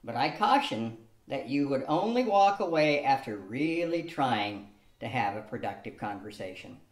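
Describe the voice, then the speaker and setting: Again playing Elmer, the patient and reasoned husband, this older man reads his amateur radio play script with care, lecturing as he explains. The pitch is medium, sing-song and moderately paced, close to how he'd normally talk, with noise in the background. Recorded on a tripod stand mic in an echoey studio room hung with a cloth backdrop.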